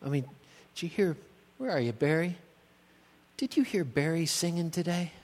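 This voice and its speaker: A middle-aged man, a pastor, preaching a sermon in a church, slow and emphatic, building on repeated rhetorical questions. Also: fairly high pitch, expressive, darkish tone. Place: church sanctuary. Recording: long church-hall reverb.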